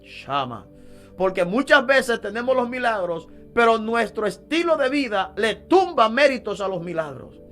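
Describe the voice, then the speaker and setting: A man's voice: very high-pitched, sing-song, moderate pace, a bit bright, soft background music. A man preaching a sermon as a deliverance minister, emphatic and fond of rhetorical questions.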